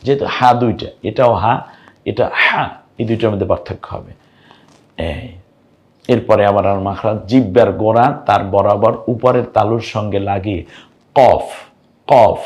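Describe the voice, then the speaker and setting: A man with a Bangladeshi Bengali accent teaching Arabic letter pronunciation in an online lesson, patiently demonstrating each sound slowly. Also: fairly low pitch, fairly even intonation, highs cut off.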